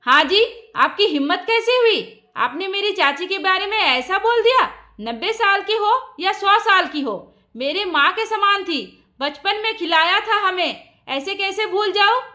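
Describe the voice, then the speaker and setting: A woman voicing a loud, dramatic middle-aged mother-in-law who wails and scolds. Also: extremely high pitch, lively intonation, a little slow, exaggerated voice. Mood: indignant. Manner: wailing, scolding, self-pitying.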